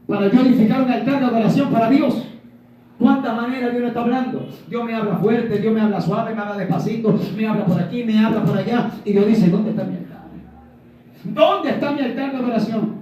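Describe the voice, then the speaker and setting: Ecuadorian evangelist preaching in an echoing hall. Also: male voice, high-pitched, fast. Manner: animated, rhetorical questions to the congregation, acts out little dialogues. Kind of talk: Pentecostal sermon. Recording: very echoey room, voice from a distance, faint noise.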